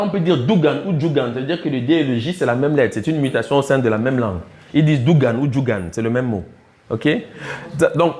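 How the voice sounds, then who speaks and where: A man lectures a room of students with a voice pitched a little high. He explains in patient steps and keeps quizzing the class to check they follow. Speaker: teacher.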